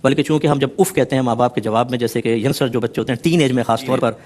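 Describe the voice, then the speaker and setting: A man's voice: medium pitch, a little mellow. Earnest male scholar explaining scripture. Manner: earnest, explanatory, with teasing asides; mixes English words into his talk. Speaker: Islamic scholar. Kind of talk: religious discourse explaining a Quran verse.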